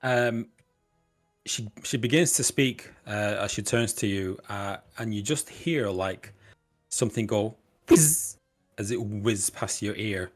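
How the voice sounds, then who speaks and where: A man's voice: fairly low pitch, slow, soft background music. A man narrating a tabletop game as game master, rambling and hesitant.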